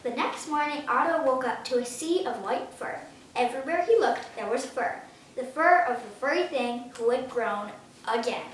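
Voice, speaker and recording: A ten-year-old girl reads a children's storybook aloud in a high voice at a moderate pace. The room is very echoey, the mic distant, with faint noise.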